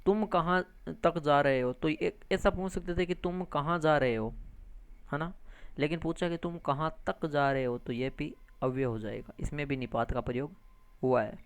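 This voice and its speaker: A man teaching an exam-prep grammar lesson in a fairly high, gravelly voice that still sounds smooth and clear. He walks through each answer step by step, asks himself questions and answers them, and keeps checking in with his listeners. The recording is dry and close. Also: normal speed, no echo. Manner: addresses viewers as friends, frequent tag questions.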